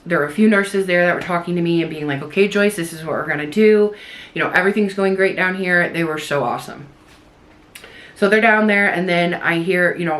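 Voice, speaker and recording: A woman's voice: lowish voice, a bit bright. A young woman vlogger chatting in a rambling way while doing her makeup, full of likes and restarts. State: tearful at moments. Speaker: beauty vlogger.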